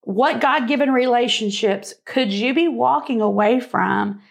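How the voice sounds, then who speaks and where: Earnest woman with a creaky voice. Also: fairly high pitch, measured pace. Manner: earnest, reflective. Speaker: co-host. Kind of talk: faith-based conversational talk.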